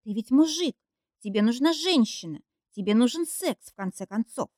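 Audiobook: clingy jealous young woman voiced by a woman reader, higher and louder, accusing, dry close sound. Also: lively intonation, normal speed, no room sound. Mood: pleading, jealous. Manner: emotional, accusing and whiny. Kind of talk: audiobook character reading.

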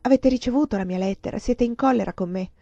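A woman's voice: fairly high pitch, quick pace, warm tone, dry recording, lo-fi sound, voice pushed up. A woman reading aloud, voicing a frightened young countess who pleads with trembling words.

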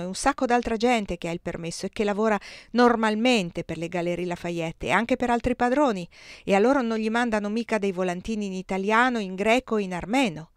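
A woman reading as a calm, reasoning male worker. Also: mid-range voice, clean tone, no echo, studio quality, lightly acted.

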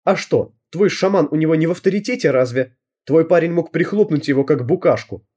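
Мужчина, изображающий дерзкую бойкую девчонку-заводилу. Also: male voice, fairly high pitch, a little fast, a little mellow, pitched above the performer's own voice, lightly acted. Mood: pushy. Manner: cocky, bossy street slang. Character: brash tough teenage girl, gang leader. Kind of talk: audiobook reading.

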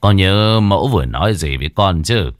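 A man as a calm, measured spirit medium. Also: low voice, no room sound, studio quality, soft background music. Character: calm wise male spirit medium, middle-aged.

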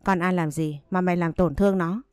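A woman voicing a sharp, accusing young female roommate in a spoken story. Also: on the low side, fairly even intonation, fairly quick, clean tone, no room sound, clean studio sound, natural voice. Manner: harsh, accusing.

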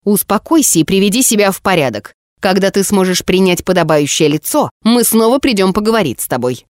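A woman voicing a stern, cold woman investigator with a creaky voice, questioning slowly and demandingly in an audiobook. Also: mid-range voice, expressive, dry recording, clean studio sound, close to an everyday voice. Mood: curt. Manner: slow, demanding interrogation. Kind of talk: audiobook character voice.

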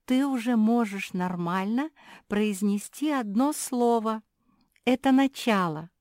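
A woman voicing a kind, gentle female singer who speaks calmly and soothingly to a friend in a children's storybook. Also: on the high side, slow, dry recording, clean studio sound, voice pushed up. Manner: soft, calm, soothing.

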